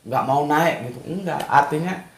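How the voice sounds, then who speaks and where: A man hosting a casual religious study talk, answering viewer comments in a lively, conversational way. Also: fairly high pitch, moderate pace, gravelly, roomy sound.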